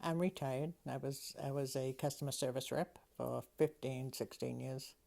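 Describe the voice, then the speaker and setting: A woman's voice: very deep voice, fairly even intonation, normal speed, vocal fry, mellow. A woman in her seventies from Massachusetts with a Boston accent, speaking as an interviewee for an accent sample. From Massachusetts, United States. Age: 70s. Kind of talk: read-aloud word lists and sentences, then plain interview answers.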